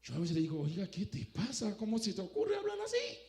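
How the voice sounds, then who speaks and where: A male pastor preaching a lively sermon, acting out conversations between God and a prophet. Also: high voice, fast talker, gravelly. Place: church. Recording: echoey church hall.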